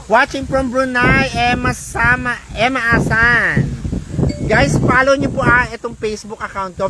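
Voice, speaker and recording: A woman's voice: mid-range voice, background noise. A woman from the Philippines livestreaming outdoors on an island beach, chatting casually and greeting her viewers one by one by name. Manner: chatty, reads out viewer names and shout-outs. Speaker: vlogger on a livestream.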